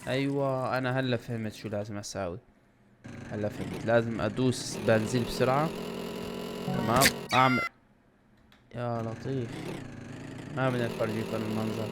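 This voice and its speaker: A man in his twenties with a Levantine Arabic accent, doing excitable let's-play commentary for his channel, swinging between loud outbursts and low muttering. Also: brisk, long pauses. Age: 20s. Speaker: gaming YouTuber. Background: loud game music.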